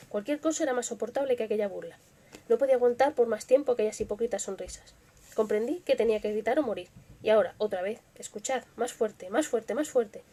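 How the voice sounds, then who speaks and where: A young woman with a Spanish accent from Spain reads tales aloud on her live stream. Her voice sits a little high and she tells the stories softly and with feeling, sometimes dropping to a whisper. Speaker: ASMR channel host reading stories on a live stream. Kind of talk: dramatic story reading with casual chat.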